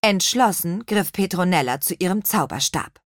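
A woman narrating a children's story in an expressive, unhurried way. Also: lowish voice, no room sound, clean studio sound. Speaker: audiobook narrator.

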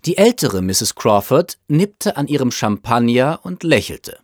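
A man narrating a story with a lively, rising and falling voice at a middle pitch. The recording is close and dry, with no room sound. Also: measured pace, no room sound. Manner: expressive storytelling. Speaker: audiobook narrator. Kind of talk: scripted narration.

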